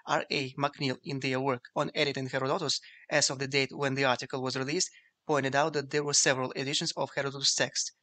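Reading from a script, a man narrates a video essay as a lecture, explaining things in a measured manner. Ukrainian is his first language. His mid-range voice comes out fast, flat and bright.

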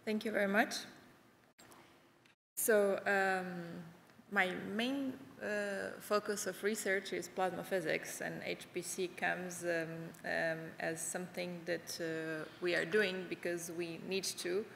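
A woman in her thirties gives a keynote from a large conference stage, her voice carrying a gravelly edge. She talks haltingly, with frequent fillers and restarts. The sound is roomy with a long reverb tail and faint hall ambience. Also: lowish voice, fairly even intonation, a bit bright, slight background noise. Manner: hesitant, many fillers and restarts. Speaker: award-winning researcher giving keynote. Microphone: podium microphones.

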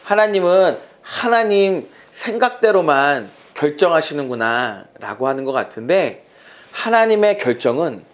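Middle-aged youth pastor guy preaching, chatty storyteller, kinda high voice, super lively up and down. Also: unhurried. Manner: animated storyteller, acts out quotes, chatty with asides. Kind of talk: sermon to a youth group.

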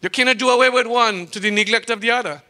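A man's voice: very high voice, fast talker, sharp tone. A man with a Trinidadian accent preaching a sermon in a church, asking rhetorical questions and stretching out key phrases for emphasis. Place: church sanctuary. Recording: long church-hall reverb.

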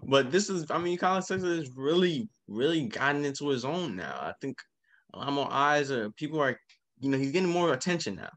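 A man hosting a casual basketball podcast, talking with quick bursts of enthusiasm. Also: on the high side, animated, fairly bright tone. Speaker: podcast host. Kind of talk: casual sports chat.

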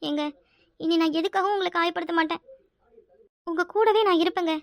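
A woman voicing a devoted young wife who speaks softly and earnestly. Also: very high-pitched, steady tone, a little fast, dry recording. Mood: tender.

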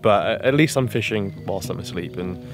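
A man's voice: deep voice, normal speed. A young man vlogging outdoors by a lake, talking casually to a handheld camera with wry, self-deprecating asides. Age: young adult. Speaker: fishing vlogger. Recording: music bed underneath.

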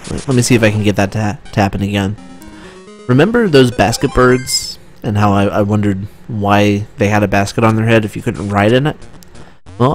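A young man giving casual, chatty commentary while playing a video game, often excited and restarting his sentences. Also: fairly low pitch. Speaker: let's play commentator. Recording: faint game music behind.

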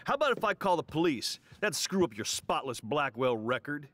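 Suspicious, authoritarian American stepdad for a game drama; commanding, with widely swinging pitch. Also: male voice, very animated, a little fast, fairly bright tone, no room sound. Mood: threatening. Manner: stern, interrogating, commanding. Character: gruff, suspicious, authoritarian middle-aged stepfather. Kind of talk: video game drama acting.

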